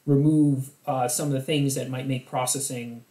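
A man's voice: medium pitch, level tone, normal speed, mellow. A man hosting a live poetry stream, chatting casually and rambling with frequent restarts and self-corrections.

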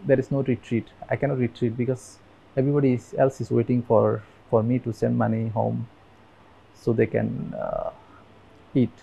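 A Bangladeshi man in his thirties, interviewed in a dim room on a lapel mic, telling his story earnestly with halting restarts. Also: medium pitch, level tone, gravelly, warm tone, low-quality recording. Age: 30s. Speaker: interviewee, migrant worker. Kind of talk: documentary interview. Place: dim indoor room with fans.

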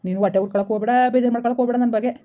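Fast-talking guilt-ridden village husband voiced by a woman, muffled lo-fi sound. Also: a little high, steady tone, close to an everyday voice. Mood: remorseful. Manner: sorrowful, self-blaming, reassuring. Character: remorseful village husband back after years away. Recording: dull lo-fi recording.

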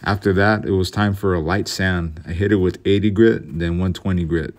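A man's voice: low voice, fairly even intonation, moderate pace. A middle-aged man giving a plain, matter-of-fact voice-over about building his own boat, a little self-deprecating about his mistakes. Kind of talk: casual voice-over narration.

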